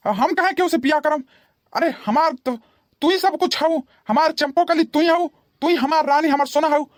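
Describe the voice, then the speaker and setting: A woman with a high voice does cartoon voice acting as an aging husband with a Bhojpuri accent, pleading and wheedling as he coaxes his wife and stammers out excuses. She speaks at a moderate pace in a natural voice. The sound is clean studio audio with no echo.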